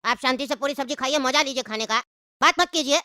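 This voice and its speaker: A woman's voice: high-pitched, quick pace, bright, forceful tone, dry recording, studio quality. A woman voicing a smug, scheming male hotel owner who fawns over customers. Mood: sly. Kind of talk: cartoon voice acting.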